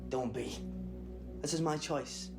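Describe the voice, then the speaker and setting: An actor playing a defiant, wisecracking time traveller in a science fiction audio drama, theatrical and cheeky. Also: male voice, fairly high pitch, takes it slowly, over loud music. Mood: resolute.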